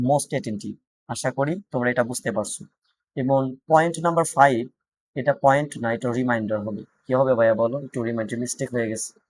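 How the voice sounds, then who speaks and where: A man with a Bangladeshi Bengali accent teaching an English grammar class, repeating points and asking students check questions. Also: medium pitch.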